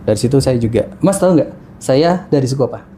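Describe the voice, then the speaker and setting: A man's voice: medium pitch, lively intonation, fast talker, warm tone. A man in his thirties, a podcast guest telling his life story in casual chat, with many fillers and restarts. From Jakarta, Indonesia. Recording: faint background noise.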